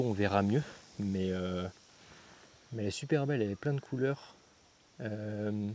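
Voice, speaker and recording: A man's voice: on the low side, mellow, a little hiss or hum. A young man chatting casually to his own handheld camera as a travel vlogger, slangy and loose, calling his viewers guys and thinking aloud with lots of fillers and restarts. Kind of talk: casual vlog talk to camera.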